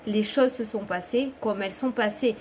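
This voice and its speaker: A woman's voice: mid-range voice, normal speed, a little mellow, slightly rough. A woman doing a casual tarot reading to camera, talking in a chatty, encouraging way and often checking in with the viewer. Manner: encouraging, motivational. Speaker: tarot card reader.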